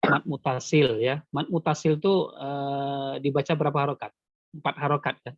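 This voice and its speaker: A man's voice: medium pitch, flat delivery, normal speed, dry recording, lo-fi sound. A man teaching Quran recitation rules one-on-one in an online lesson, patiently quizzing his student with repeated questions. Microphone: video call.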